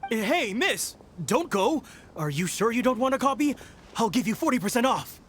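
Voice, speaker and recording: A man's voice: very high voice, big pitch swings, moderate pace, a bit bright, slight background noise, full character voice. A man playing a proud, dramatic, stubborn novelist in a video game, with a theatrical, self-important delivery. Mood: pleading. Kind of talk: animated video game voice acting.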